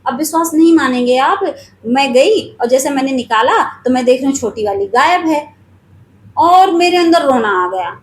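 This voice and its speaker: A woman's voice: sits high, expressive, normal speed, roomy sound. A woman telling her own spiritual story in an earnest, confiding way, speaking straight to her viewers.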